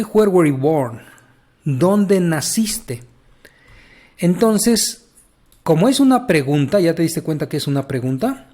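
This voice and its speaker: A man's voice: high voice, darkish tone. A man with a Mexican Spanish accent explains grammar step by step in a slightly raised voice. He speaks patiently and repeats key points, often turning to the listener to check they follow. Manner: patient, repetitive, addresses the listener directly. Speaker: English teacher.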